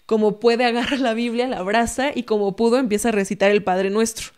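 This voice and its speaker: Animated Mexican woman telling a story. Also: a little high, brisk, clear, resonant tone. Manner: animated, tags lines with "¿no?", acts out quoted voices. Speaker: podcast guest storyteller. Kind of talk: casual storytelling.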